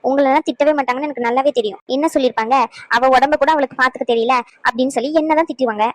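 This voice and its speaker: A woman's voice: sits high, rapid-fire, dry recording, lightly acted. A woman voicing a worried, stubborn young pregnant wife in a cartoon, pleading and pressing with questions. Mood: insistent. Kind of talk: cartoon voice acting.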